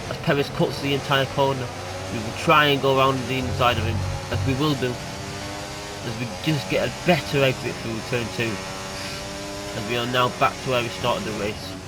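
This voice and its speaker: Over loud music, a young man commentates his racing game for YouTube, casual, chatty and excitable, his voice nasal thanks to hay fever. He speaks at normal speed with a medium pitch. It's a noisy home recording.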